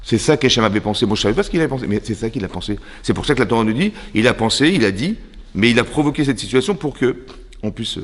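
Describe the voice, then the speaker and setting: Man, French accent, rabbi's lesson, mid-pitched voice, lively rhetorical questions, long hall reverb. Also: fast talker. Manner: animated, asks the class rhetorical questions. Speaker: rabbi teaching a women's class. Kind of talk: religious lesson. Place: seminary classroom.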